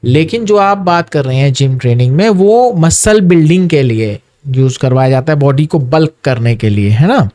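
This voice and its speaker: Measured male surgeon. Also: a little high, expressive, a little mellow. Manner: measured, advising, mixes English phrases. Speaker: orthopedic surgeon guest. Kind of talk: explanatory interview talk.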